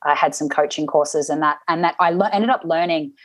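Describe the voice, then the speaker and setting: A woman's voice: deep voice, brisk, no room sound. A woman guest telling a personal story in conversation, reflective, often restarting and acting out what people said. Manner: reflective, with frequent restarts and acted-out quotes. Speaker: interview guest.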